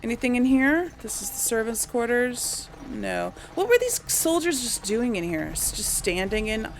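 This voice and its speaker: Speaking at a normal pace in a slightly high voice whose pitch swoops wildly, a woman streams a game and muses aloud to herself and her viewers. The recording is low quality, with game music and sound effects behind her.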